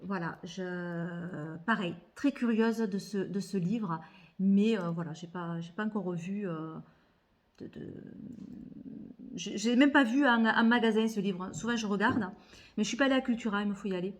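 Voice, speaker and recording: A woman's voice: mid-range voice, normal speed. A woman vlogger chatting casually about tarot decks, thinking aloud and often repeating words as she hesitates. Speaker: tarot and oracle card vlogger. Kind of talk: casual haul chat.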